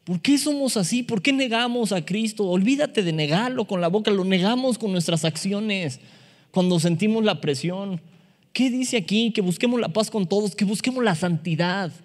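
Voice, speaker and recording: A man preaches a sermon, and his voice sits a little high for a man. He is animated and slips into other voices for the people in his stories. The sound rings with the long reverb of a large hall. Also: moderate pace. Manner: animated, acts out dialogue in shifting voices. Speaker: pastor.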